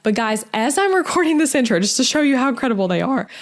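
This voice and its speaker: A woman's voice: sits high, sing-song, fast talker. A young woman hosting a podcast, gushing and chatty, with many fillers like "um" and "like". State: pregnant. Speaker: podcast host. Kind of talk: casual interview and podcast intro.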